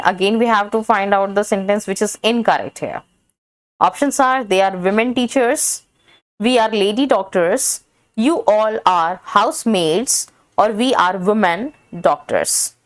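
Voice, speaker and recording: A woman reading out exam practice questions as a teacher. She lists each set of options steadily and stresses the correct answer. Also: medium pitch.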